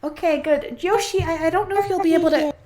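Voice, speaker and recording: A woman's voice: very high-pitched, quick pace, background noise. A woman voicing a composed adult goddess who reads out audience questions in a theatrical, swooping way. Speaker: in-character Q&A host. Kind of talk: in-character fan voice acting Q&A.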